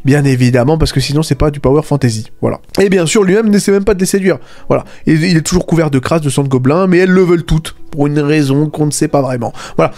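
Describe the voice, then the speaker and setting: A man with a fairly high but darkish voice talks fast, hardly pausing, in a casual video essay where he plays the sarcastic anime critic. Mocking asides come often, along with fillers such as "voilà" and "hein" between his points.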